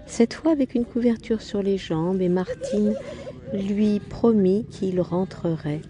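A woman reading a novel aloud in calm, unhurried scripted narration. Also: mid-range voice. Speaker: audiobook reader.

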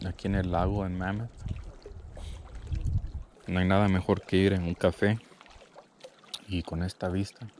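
Low-voiced relaxed man on a lakeshore. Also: measured pace, pauses often. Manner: easygoing, chatty, addresses viewers as friends. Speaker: fishing vlogger. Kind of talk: casual vlog talk to viewers. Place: outdoors on a lakeshore. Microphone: body-worn action camera. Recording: outdoor lakeside background noise.

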